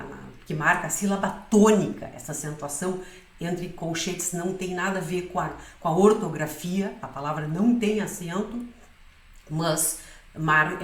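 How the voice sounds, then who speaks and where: A woman with a fairly low voice gives a patient pronunciation lesson and keeps checking that her students follow along. Her voice sounds roomy, as if she is recording in an echoey room. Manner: explains patiently, often checking with "né?" and "certo?". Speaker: Spanish pronunciation teacher.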